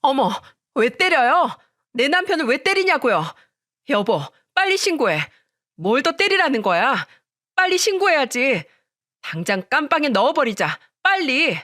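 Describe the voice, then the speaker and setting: A woman's voice: sing-song, normal speed, fairly bright tone, dry recording, studio quality. A woman doing a sneering arrogant young wife. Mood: shrill panic. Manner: mocking, shrill and condescending. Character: haughty young judge's wife, arrogant sister-in-law.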